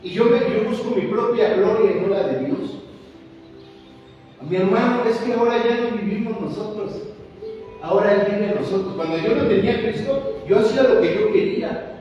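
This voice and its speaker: A man with a high-sitting voice preaches a sermon in a church hall at a normal pace, fervent and repetitive, often calling out to "my brother." The recording is muffled and echoey, captured from far off, with faint music in the background.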